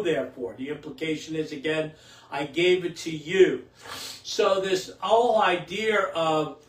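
An older priest's fairly high voice reads scripture and then preaches in a small home chapel. He sits back from the camera, so the sound carries a roomy echo. His readings are steady and measured, and his homily is looser, with repeated words and restarts. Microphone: camera a few feet away. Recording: roomy echo, distant from the mic.

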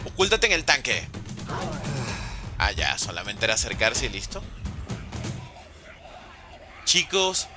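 A man casually commentating his gameplay, jokey and excitable, often exclaiming. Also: fairly low pitch, takes it slowly, long pauses, music in the background. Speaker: gaming host. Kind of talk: let's play commentary.

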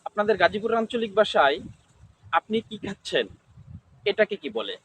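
A man's voice: high-pitched, lively intonation, moderate pace, a little hiss or hum. A man interviewing, asking the same kind of question over and over. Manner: repetitive, formulaic questioning.

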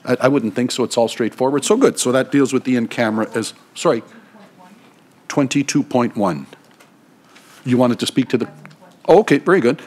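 A middle-aged man chairing a council meeting at a desk microphone, running through agenda items in a brisk, procedural way. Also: mid-range voice, darkish tone. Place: council chamber.

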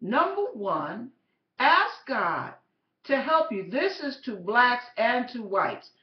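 Woman blogger with a preachy storytelling tone, slow and animated, asks many rhetorical questions. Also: a little high. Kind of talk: storytelling exhortation. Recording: roomy, slightly dull.

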